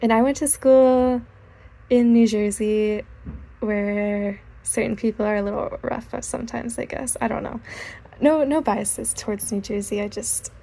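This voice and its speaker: A woman's voice: fairly high pitch, steady tone, unhurried, creaky, mellow. A young woman telling a rambling personal story in a casual vlog, often correcting herself as she talks. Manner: rambling, self-correcting, chatty. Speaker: artist vlogger. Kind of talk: casual storytime while drawing.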